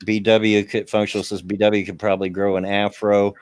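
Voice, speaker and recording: A man's voice: fairly low pitch, little pitch movement, brisk, smooth. A man in his fifties hosting a casual livestream chat from home, rambling and reading chat messages aloud. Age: 50s. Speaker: stream host. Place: home, on a laptop camera.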